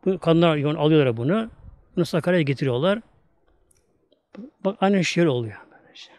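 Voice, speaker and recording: A man's voice: on the high side, lively intonation, fairly quick, darkish tone, no echo. A man with a Turkish accent preaching, telling a story in an emphatic, repetitive way. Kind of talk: storytelling religious talk.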